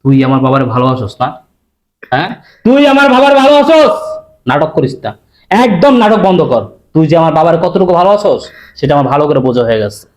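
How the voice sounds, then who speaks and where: A man's voice: a little high, very animated, quick pace. A young man, playing an enraged husband who accuses his wife. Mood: furious. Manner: agitated, accusing. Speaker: actor playing an angry husband. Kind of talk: melodramatic short-film acting.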